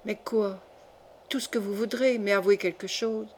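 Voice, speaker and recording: A woman voicing a gruff male executioner who secretly helps his victim, with low hurried asides. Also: fairly even intonation, lightly acted. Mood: urgent whisper.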